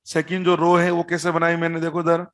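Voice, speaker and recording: A man's voice: on the high side, monotone, a little fast, a bit bright. A man teaching a chemistry class, explaining step by step, repeating key terms, quizzing students and adding teasing jokes. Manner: teasing, joking asides. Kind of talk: classroom-style lecture at a board.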